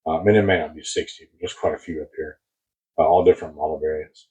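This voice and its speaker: An American man rambling casually as he hosts a hobby unboxing video, husky, on a close mic that sounds boomy and muffled, like inside a submarine. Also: fairly even intonation, fast, dark tone. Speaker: host of a diecast car collecting channel. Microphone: new mic placed very close.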